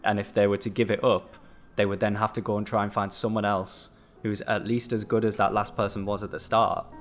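Low-voiced young man musing casually. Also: flat delivery, a little fast, soft background music. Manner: reflective, rambling, laughs easily. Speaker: podcast co-host. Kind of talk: casual chat.

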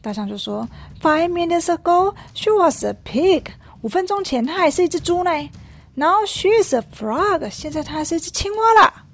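A woman voicing an anxious, easily bewildered male elephant from a picture book, with high, fretful exclamations. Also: completely flat delivery, quick pace, vocal fry, few pauses, darkish tone. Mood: astonished.

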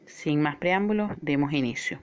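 A woman teacher giving a scripted spoken lesson, with a clear, measured delivery that slows down to stress key words. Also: low voice, dull audio, heavy background noise.

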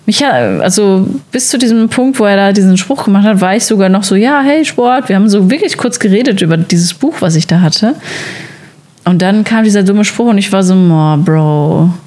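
A young woman from the Sauerland co-hosting a podcast, telling a story in casual chat with many fillers and quick laughs. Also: medium pitch, lively intonation, a little mellow. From Sauerland, Germany. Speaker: podcast co-host.

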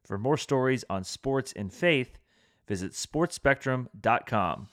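A man reading a scripted podcast intro in a brisk, promotional way. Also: medium pitch, animated, a bit bright, no echo. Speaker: announcer.

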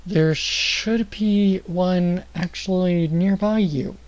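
A man's voice: high-pitched, steady tone, slow pace, lo-fi sound. A man running a tabletop game as dungeon master, exasperated and swearing, and he admits he is bad at voices.

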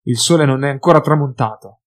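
A weary but brave young adventurer, voiced by a man reading a fantasy audiobook. He calls out loudly and urgently. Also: medium pitch, quick pace, natural voice. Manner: calling out loudly.

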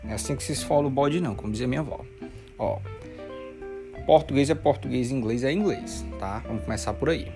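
A man's voice: mid-range voice, fast talker. A man, teaching a casual spoken lesson as an English teacher, repeating and drilling words and checking in often with his listeners. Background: guitar music.

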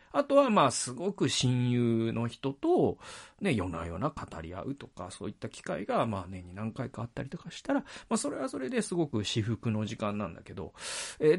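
A man's voice: mid-range voice, wildly swooping pitch, fairly quick, vocal fry, darkish tone, slightly rough. A man hosting a solo podcast, talking reflectively into a microphone with frequent hesitations and self-corrections. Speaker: podcast host. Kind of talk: solo podcast monologue about a book. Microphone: speaking into a microphone.

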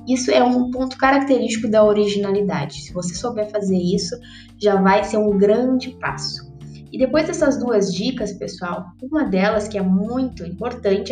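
A woman's voice: medium pitch, darkish tone. Woman coaching public speaking, roomy echo. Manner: conversational, often tags "né?" and addresses viewers directly. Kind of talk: casual instructional talk.

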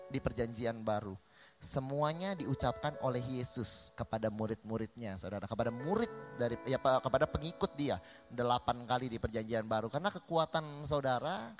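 A male pastor with an Indonesian accent, preaching a sermon that mixes Indonesian with English phrases and often calls listeners "saudara". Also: mid-range voice.

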